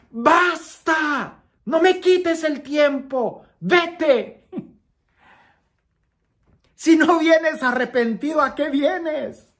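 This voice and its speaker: Expressive priest preaching a homily. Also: male voice, high-pitched. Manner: expressive, swings from lively raised passages to soft hushed ones; repeats phrases for emphasis. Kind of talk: daily gospel homily.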